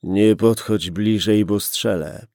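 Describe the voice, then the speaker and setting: A hoarse, desperate gunman under forty who sounds strained and insistent, put on by a male narrator. His voice is dark and gravelly, and he forces each threat out. It is a slow, heavy delivery. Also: lowish voice, no echo, studio quality. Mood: threatening.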